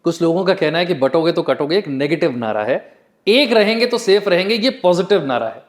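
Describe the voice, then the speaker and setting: An interviewer, a man with a slightly raised pitch, puts his questions calmly. Between the guest's points he answers with brief affirmations. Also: fairly quick.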